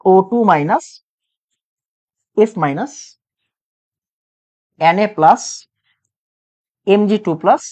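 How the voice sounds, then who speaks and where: A man's voice: high-pitched, lively intonation, takes it slowly, pauses often, a little mellow. A young man teaching a chemistry class online, with a sore throat, repeating each point and quizzing his students. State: sore throat from talking loudly.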